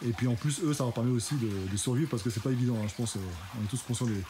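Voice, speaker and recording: A man's voice: mid-range voice, very fast. A man interviewing a farmer for a fitness channel, chatty and encouraging, thinking aloud as he goes. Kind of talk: casual interview. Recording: noisy ambient background.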